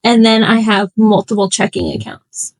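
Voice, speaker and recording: A young woman co-hosting a podcast, chatting casually in an animated, teasing way and laughing often. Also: medium pitch, normal speed, dry recording, rough recording. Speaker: podcast co-host. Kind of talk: casual chat.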